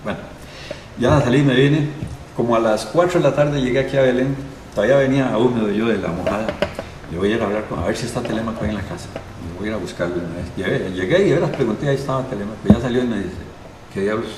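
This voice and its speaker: A man's voice: mid-range voice, quick pace. An older man with a Costa Rican accent, a guest in an interview who tells a long anecdote and acts out the dialogue of the people in it. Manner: lively storyteller who acts out quoted dialogue. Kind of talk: anecdotal storytelling. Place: live show recording. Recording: roomy and distant, with background noise.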